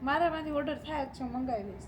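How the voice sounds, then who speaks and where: A woman's voice: sits high, rapid-fire, noisy background. A woman chatting at home with her husband, answering in short, sulky replies. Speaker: vlogger's wife. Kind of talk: casual home chat.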